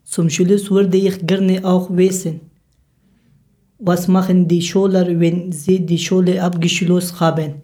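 Woman, podcast host, scripted questions, low voice, flat delivery. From Afghanistan. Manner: careful, measured learner's German. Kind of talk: scripted interview, read questions.

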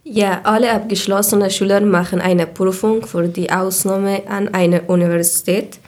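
A woman's voice: mid-range voice, steady tone, moderate pace, darkish tone. A woman, answering interview questions carefully with small slips. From Afghanistan. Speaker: interview guest. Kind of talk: scripted answers.

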